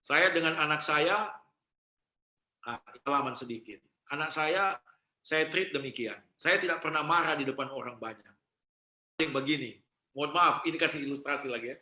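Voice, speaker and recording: A man giving a seminar talk, telling lively stories and slipping into character voices. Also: a little high, normal speed. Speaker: youth seminar speaker, pastor. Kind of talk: seminar talk with acted anecdotes. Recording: roomy echo.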